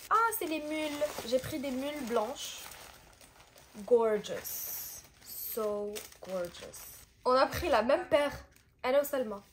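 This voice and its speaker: A woman's voice: high voice, takes it slowly, darkish tone, slight background noise. A young woman chatting casually through a shopping haul vlog and mixing languages as she talks. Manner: chatty, switching between languages mid-sentence. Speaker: vlogger.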